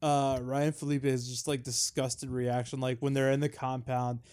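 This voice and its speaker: A man's voice: mid-range voice, little pitch movement, measured pace, a little mellow, clean tone. A man chatting casually about a film, rambling with lots of fillers and frequent laughter. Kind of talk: casual chat.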